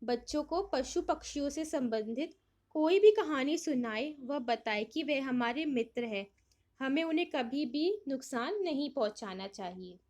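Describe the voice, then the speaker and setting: A woman's voice: sits high, animated, measured pace, darkish tone. A woman teacher explaining a worksheet to young children, reading English lines and then explaining them in Hindi, asking questions and answering them herself.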